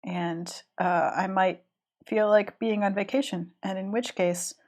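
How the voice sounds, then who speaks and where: A woman's voice: mid-range voice, fairly even intonation, measured pace. Woman with a cold, rambling stream chat while drawing, lots of restarts. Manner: rambling, chatty, many restarts and fillers. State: has a cold. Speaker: live-streaming illustrator.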